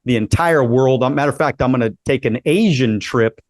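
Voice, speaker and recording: A man's voice: mid-range voice, brisk, no room sound. A man in his late forties hosting a casual interview, upbeat and encouraging, often repeating himself as he talks. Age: 40s. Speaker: podcast host.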